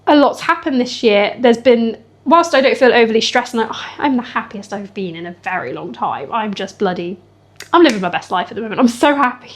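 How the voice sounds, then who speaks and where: A young woman chatting casually in a fitness vlog, emotional and quick to laugh. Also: fairly high pitch. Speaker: fitness vlogger.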